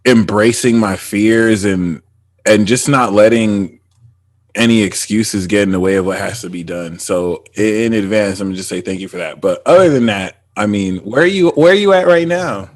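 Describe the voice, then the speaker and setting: A man's voice: on the low side, normal speed, no room sound. A man hosting a casual spiritual conversation, rambling with many fillers and restarts. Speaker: podcast host.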